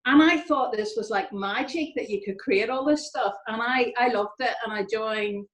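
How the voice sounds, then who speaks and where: A Northern Irish woman in her fifties talks to students in a chatty, self-deprecating way, her voice pitched a little high. The video call picks up a roomy echo around her. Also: normal speed. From Northern Ireland. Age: 50s. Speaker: engineer on a panel. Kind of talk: informal talk to students.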